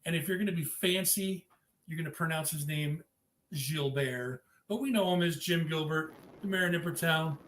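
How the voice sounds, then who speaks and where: A man hosting a live-streamed interview, upbeat and chatty, giving shout-outs to viewers. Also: fairly high pitch, moderate pace. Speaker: podcast host. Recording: echoey room with faint noise.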